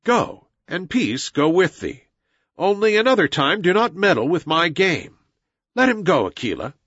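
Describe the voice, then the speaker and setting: A man's voice: high voice, big pitch swings, normal speed, a bit bright, husky, no room sound, muffled recording, pitched above the performer's own voice, full character voice. A man voicing a bold, proud young jungle boy in a storybook, with lofty, declamatory archaic phrasing. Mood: commanding.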